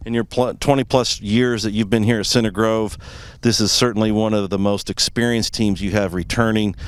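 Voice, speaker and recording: A man's voice: on the low side, steady tone, moderate pace, clean tone. An American man hosting a pregame sports show and interviewing as a broadcaster at a football stadium.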